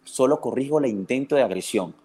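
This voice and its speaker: His voice is husky, medium in pitch, and brisk: a Colombian dog trainer in a podcast interview describing his methods at length. He's animated, restarting often as he mimics dogs and their owners.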